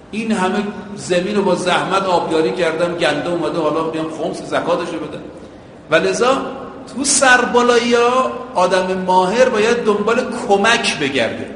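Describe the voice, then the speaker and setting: A man's voice: high voice, fairly bright tone, a little hiss or hum. A male preacher giving a sermon, using everyday driving comparisons and chanting quotations in Arabic. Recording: echoey hall with a long reverb.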